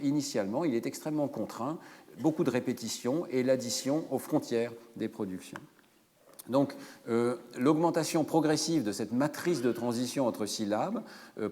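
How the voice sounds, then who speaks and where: A man teaches a university class, speaking at a middle pitch with a fluent, explanatory manner and the occasional filler. His voice rings with the long reverb of a lecture hall. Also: a little mellow. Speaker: professor.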